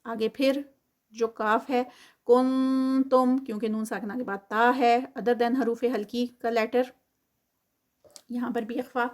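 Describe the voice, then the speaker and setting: A woman's voice: fairly high pitch, steady tone. A woman teaching Quran recitation rules with patient, step-by-step explanation. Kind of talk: tajweed lesson with recitation.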